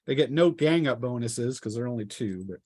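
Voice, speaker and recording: This game master runs a tabletop RPG from home over an online group call, narrating fights and laying out rules in an informal way. He has a mid-range, somewhat dark voice, speaks fairly quickly and expressively, and is recorded on a close internet-call microphone.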